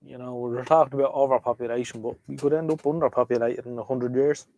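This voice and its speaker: Talking fast in a darkish, mid-range voice with fairly even intonation, a man from Ireland hosts a rambling live chat about vintage radios. He hesitates, voices strong opinions, and drifts between ideas, and the audio quality is poor.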